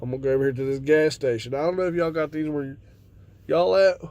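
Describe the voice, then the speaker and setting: A man's voice: a little high, fairly even intonation, fast talker, darkish tone, no room sound. An American man who sounds stoned, chatting in a laid-back, rambling stoner manner to his viewers with casual swearing. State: stoned on cannabis. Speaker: video host. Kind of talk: casual rambling vlog chat.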